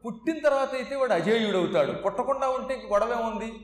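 Man doing a pleading repentant god, high voice, echoey room. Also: fast talker, far from the mic. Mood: plotting.

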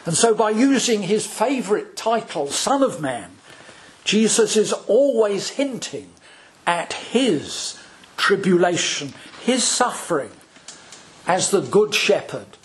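A male priest preaching a sermon, slow and deliberate, with dramatic pauses between phrases. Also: high-pitched, sing-song.

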